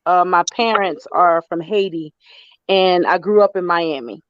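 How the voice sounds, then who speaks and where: This chatty writer, a middle-aged woman from Florida, speaks a little slowly in a lowish voice during a casual online interview. Her talk wanders in loose runs with restarts, fillers and frequent laughter. The video-call audio is lo-fi with slight background noise.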